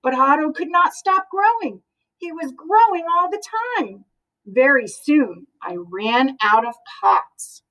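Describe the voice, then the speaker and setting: A woman reads a children's picture book aloud in an expressive, animated, high-pitched voice, as though to young listeners. The sound quality is lo-fi.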